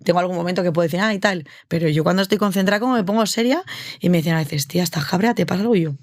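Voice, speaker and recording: A woman's voice: lowish voice, rapid-fire, no room sound, clean studio sound. Chatty woman guest. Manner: chatty, full of fillers like "tal". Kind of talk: casual podcast chat.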